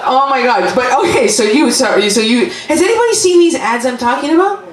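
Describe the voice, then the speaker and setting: A woman's voice: high voice, animated, brisk. A woman with a Canadian accent doing a profane stand-up set with crowd work in a comedy club. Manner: brash, profane, chatty, laughing at own jokes. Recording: echoey club, mic heard from far, loud crowd.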